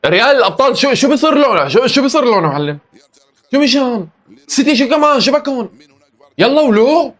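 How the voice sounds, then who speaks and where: A hoarse young man with a Levantine Arabic accent, hosting a live football match reaction and exclaiming at every chance. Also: very high-pitched, animated, fast talker, fairly bright tone. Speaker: football reaction video host.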